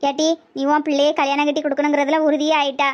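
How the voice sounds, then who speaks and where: A woman's voice: high-pitched, level tone, fast, dull audio, voice pushed down, natural voice. A woman voicing a concerned middle-aged village neighbor, with a Tirunelveli Tamil accent, in a cartoon comedy. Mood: worried. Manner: cautioning, concerned. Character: worried middle-aged neighbor woman, older sister figure.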